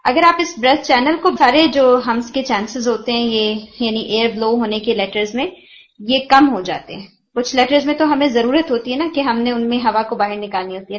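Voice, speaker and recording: A woman teacher giving patient, detailed feedback on Quran recitation, explaining pronunciation step by step. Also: fairly high pitch. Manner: patient, explanatory, mixes English terms. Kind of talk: tajweed feedback lesson. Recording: dull lo-fi audio with faint hiss.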